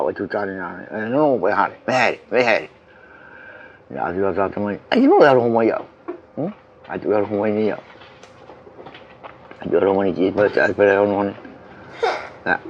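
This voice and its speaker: A man telling a story in a casual, halting way, full of fillers and curses. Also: on the low side. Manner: rambling and halting, many fillers and profanity. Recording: dull recording with faint background noise.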